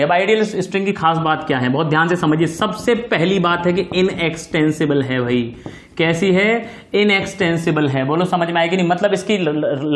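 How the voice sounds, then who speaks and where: A man's voice: high voice, roomy sound. A man teaching a physics class in mixed with terms, repeating key steps and checking often whether his students follow. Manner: affectionate address to students. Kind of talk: recorded classroom lecture.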